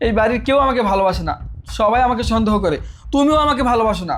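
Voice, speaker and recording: A man's voice: extremely high pitch, expressive, rapid-fire, a bit bright, a little hiss or hum. An actor playing an evasive young husband in a TV family drama, placating and pleading with his wife. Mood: wounded. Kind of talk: Bangla TV drama acting.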